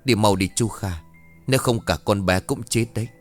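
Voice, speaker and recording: A man voicing a stern old male spirit master who speaks gravely of bad omens. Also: lowish voice, soft background music, lightly acted. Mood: grave warning. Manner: grave, slow and foreboding.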